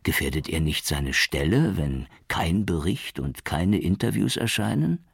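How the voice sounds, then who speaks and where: A man's voice: deep voice, lively intonation, gravelly, husky, no echo, clean studio sound, exaggerated voice. Man voicing an earnest cautious inspector. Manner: earnest, measured. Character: earnest male police inspector, cautious and modest.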